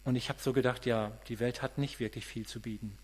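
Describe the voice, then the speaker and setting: A preacher in his late fifties delivers an earnest, conversational sermon, thinking aloud and frequently restarting or repeating words. His mid-range voice runs a little fast with fairly even intonation. The recording comes from a reverberant hall with mains hum.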